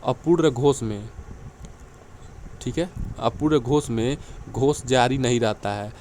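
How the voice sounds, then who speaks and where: A man teaching an exam-prep lecture, moving through questions briskly and stopping to check in with his students. His pitch sits in the middle range for a man. Faint street and traffic noise sits behind him. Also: darkish tone. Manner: brisk, repeats "ठीक है" and "देखिए", recites letter lists.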